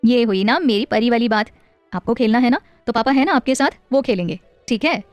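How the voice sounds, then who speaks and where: A woman voicing a playful, doting young husband and father in an audio story, speaking gently and coaxingly. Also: a little high, fairly quick, no echo, faint music behind, lightly acted.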